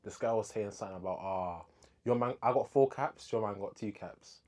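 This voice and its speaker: A man's voice: fairly low pitch, fairly quick, a little mellow. A man hosting a podcast, asking short, laid-back questions in casual chat. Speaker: podcast host.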